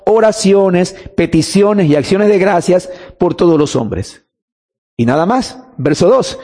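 High-voiced preacher man in a hall. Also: a little mellow. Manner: emphatic, stretches key words, asks rhetorical questions. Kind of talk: sermon.

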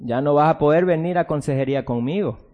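A man preaching a sermon as pastor, switching between a low, hushed delivery and sudden loud outbursts with drawn-out emphasis, sometimes mocking soft-spoken replies. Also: big-room sound, phone-quality sound. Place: church.

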